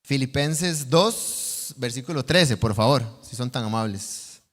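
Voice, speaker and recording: Costa Rican preacher in a reverberant church. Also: male voice, mid-range voice, animated, takes it slowly, a bit bright. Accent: Costa Rican Spanish. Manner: earnest, teaching, asks the congregation questions. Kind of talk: sermon. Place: church sanctuary. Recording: long church hall reverb.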